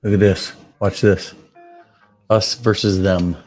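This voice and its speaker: A man's voice: sits low, flat delivery, slow pace, a little mellow, faint music behind. A man hosting a late-night call-in show, making scornful, sarcastic remarks over a news clip. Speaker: radio show host.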